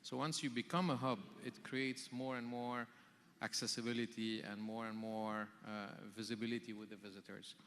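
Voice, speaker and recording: A man answering on a conference panel, steady with frequent fillers. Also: medium pitch, normal speed, slight background noise. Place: large conference hall. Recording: reverberant conference hall.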